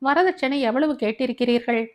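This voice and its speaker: A calm, stubborn young man in a family audio story, asking pointed questions in a cool, dry way, as a woman reads him. The voice sits fairly high and even. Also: fairly quick, close to an everyday voice.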